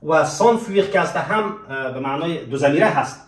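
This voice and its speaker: A man teaching a French lesson in a fairly high voice. He stretches out each example phrase slowly and asks students to repeat it. The sound is roomy, echoing, and set back from the mic. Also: expressive, far from the mic. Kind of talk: spoken language lesson with slow example phrases.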